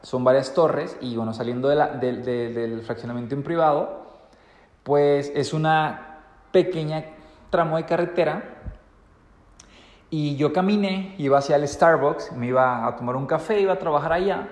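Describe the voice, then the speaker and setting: Mexican guy telling a story to viewers, kinda high voice, lots of fillers, echoey room with long reverb. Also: normal speed. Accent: Mexican Spanish. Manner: animated, many fillers and restarts, addresses viewers. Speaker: vlogger.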